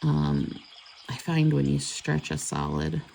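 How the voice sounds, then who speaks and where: A woman's voice: extremely low pitch, big pitch swings, takes it slowly, gravelly, dark tone, a little hiss or hum. A woman chatting casually and rambling as she does her nails. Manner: chatty, rambling, self-correcting. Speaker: nail vlogger. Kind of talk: casual chat while doing nails.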